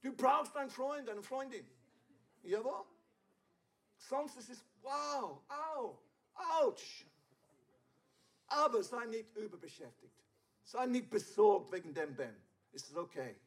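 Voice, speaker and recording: High-voiced pastor preaching casually. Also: male voice, expressive, unhurried, slightly rough. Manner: conversational, playful asides with the congregation. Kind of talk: sermon.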